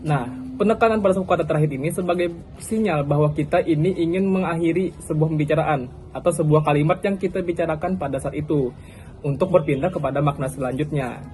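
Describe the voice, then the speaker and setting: A young man with a fairly high voice talks through a class presentation in a loose, chatty way. He pauses with fillers and restarts his sentences often. A faint hiss of noise sits behind him. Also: a little mellow, low-quality recording. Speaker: student presenter.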